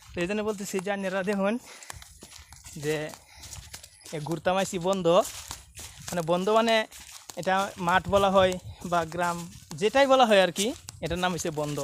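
A man's voice: high-pitched, a little hiss or hum. A man from Mymensingh with a Mymensingh Bengali accent, walking outdoors by fields and a dry canal and chatting casually to a phone camera, repeating himself and mixing dialect with standard speech. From Mymensingh, Bangladesh. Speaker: vlogger.

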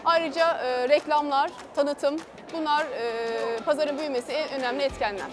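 A woman representing her company at a trade fair booth, speaking hesitantly with filler pauses. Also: sits high, steady tone, over music, a crowd in the background.

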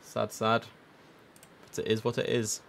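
A man streams himself running an airport tower, mixing chatty slang with controller calls. His voice sits low and gravelly, croaky from the early hour, with a clear hiss of noise around him. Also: monotone, measured pace, fairly bright tone. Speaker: streamer playing an air traffic control game. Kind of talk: casual live-stream commentary with radio calls.

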